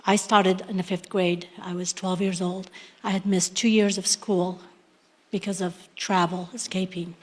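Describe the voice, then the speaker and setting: A middle-aged woman from Iraq, an entrepreneur, telling her life story in a plain, unhurried way, with many ums and restarts. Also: medium pitch. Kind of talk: personal success story, unscripted.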